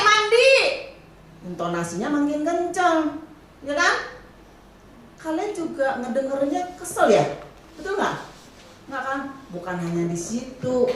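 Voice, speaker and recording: A middle-aged woman preaching a youth sermon, lively, firing questions at the crowd and playing a nagging mother. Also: sits high, recorded from a distance, a little hiss or hum. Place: church hall. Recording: echoey hall, heard from afar.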